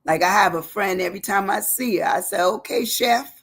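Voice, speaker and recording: A woman's voice: medium pitch, fairly even intonation, fast talker, a bit bright. A woman giving a casual spoken lesson from home, repeating and spelling out words with chatty asides. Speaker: educator presenting a word lesson. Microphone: live-stream setup.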